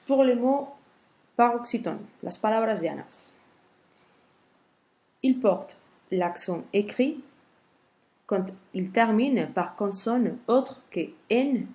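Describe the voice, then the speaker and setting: A woman teaching a grammar lesson in French, speaking slowly and carefully, with many soft "hmm" pauses between steps. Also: medium pitch. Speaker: Spanish teacher.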